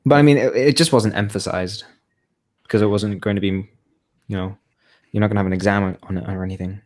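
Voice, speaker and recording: A man's voice: fairly low pitch, fairly even intonation, fairly quick, darkish tone. A young man chatting casually on a podcast, rambling and laughing at himself. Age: young adult. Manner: chatty, self-deprecating, laughs often. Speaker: podcast co-host. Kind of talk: casual chat.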